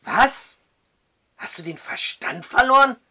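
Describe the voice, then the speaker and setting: A man voicing a gruff, groggy older male judge with a croaky voice. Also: on the high side, expressive, a little slow, pushed and bright, exaggerated voice.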